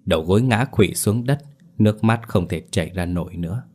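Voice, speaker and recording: Male horror narrator, very low and heavy voice, grave dramatic delivery. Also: brisk, darkish tone. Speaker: storyteller. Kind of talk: scripted horror story narration.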